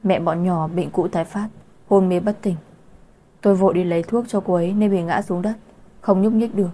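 A woman's voice: on the low side, fairly even intonation, brisk, warm tone, natural voice. A woman voicing an injured, weak neighbor man in a storybook reading, speaking apologetically.

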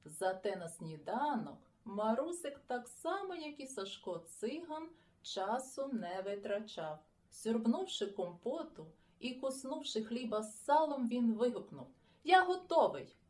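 A woman reading a children's story aloud with an expressive, lively storytelling manner. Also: a little high, measured pace. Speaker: audiobook reader. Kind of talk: children's audiobook narration.

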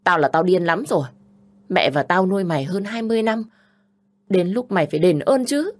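A woman's voice: on the low side, animated, fairly quick. A woman voicing a bossy, scolding older sister. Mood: furious. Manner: nagging, scolding, harsh.

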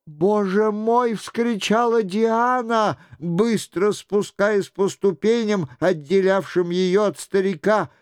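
A man narrating a classic novel as an audiobook in a measured, deliberate way. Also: sits high, clean tone, no echo, studio quality.

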